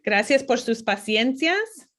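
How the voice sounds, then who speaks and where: Halting high-voiced woman interpreter. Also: sing-song, a bit bright. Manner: halting, searching for words. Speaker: interpreter at a town hall webinar. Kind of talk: consecutive interpreting in a public meeting.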